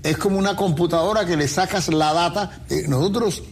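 Man preaching on a faith q&a show, kinda high voice, faint hum behind. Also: a little fast. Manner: preachy, uses everyday comparisons. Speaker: pastor co-host. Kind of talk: faith talk show answering questions.

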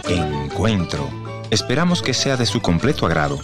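A man giving a formal broadcast introduction of the host in a slow announcing delivery. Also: low-pitched, very animated. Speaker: program announcer. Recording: voice over loud music.

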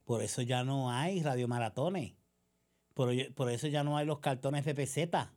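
Speaking at normal speed, a woman with a Puerto Rican accent uses a rumbling low, darkish voice. She is a political commentator delivering a combative monologue, sarcastic and accusatory throughout, full of rhetorical questions.

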